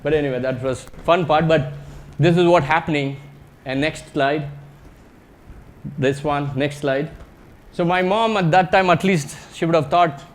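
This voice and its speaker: A man with an Indian accent tells anecdotes in a conversational, joking way as a researcher giving a public slide talk, in short phrases with tag questions. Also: a little high. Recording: live talk with background noise.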